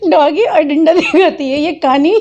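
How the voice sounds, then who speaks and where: A channel host with a high but mellow, dark-toned voice delivers mocking reaction commentary at a measured pace, scolding, tutting and ridiculing the people she watches while often bursting into laughter. The recording is dull and lo-fi.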